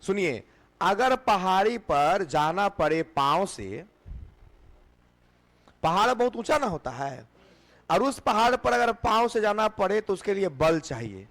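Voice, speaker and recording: Male coaching teacher, high, animated delivery, quizzes his class and answers himself. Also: measured pace. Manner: asks questions and answers them himself. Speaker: exam-prep teacher. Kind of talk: classroom lecture with memory tricks.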